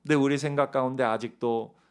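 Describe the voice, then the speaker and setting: A man preaching an evening church sermon as pastor, swinging from raised, pleading lines to soft, quiet asides. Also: medium pitch, fairly even intonation, brisk, clear, resonant tone.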